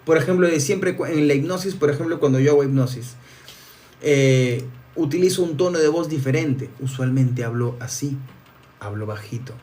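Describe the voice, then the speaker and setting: Emphatic man, slightly raised pitch. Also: moderate pace, far from the mic. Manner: energetic, emphatic, restarts words often. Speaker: NLP coach. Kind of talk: live stream teaching, answering viewer comments.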